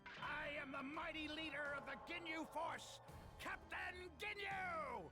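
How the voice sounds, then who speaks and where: Pompous high-pitched alien villain commander. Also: male voice, fairly even intonation, measured pace, over music. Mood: gloating. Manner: theatrical, boastful. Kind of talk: anime game voice acting.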